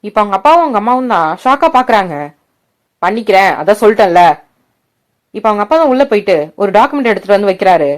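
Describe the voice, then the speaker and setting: A woman's voice: medium pitch, animated, racing, hardly any pauses. A woman narrating a fan fiction story in a plain, conversational storytelling voice.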